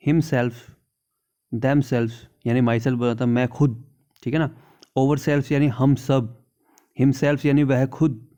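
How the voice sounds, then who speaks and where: A man is teaching an English grammar lesson in Hindi, with a medium-pitched, dark-toned voice. He reads out the English examples slowly and keeps checking in with "theek hai na".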